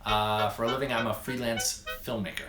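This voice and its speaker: A man's voice: mid-range voice, fairly even intonation, brisk, over loud music. Late-twenties man, interviewee; brief and offhand, roomy echo. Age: 20s. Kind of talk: casual interview. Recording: echoey room.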